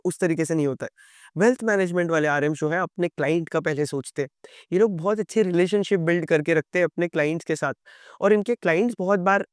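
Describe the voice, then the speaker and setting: A man's voice: on the high side, smooth, no room sound, clean studio sound. A young man with a sore throat explaining company finances to viewers in a conversational way, talking to them directly. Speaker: stock market educator.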